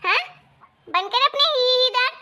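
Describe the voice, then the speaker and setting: A woman's voice: very high voice, moderate pace, bright, forceful tone, full character voice. A woman voicing a short-tempered mother-in-law in a cartoon story, scolding and threatening.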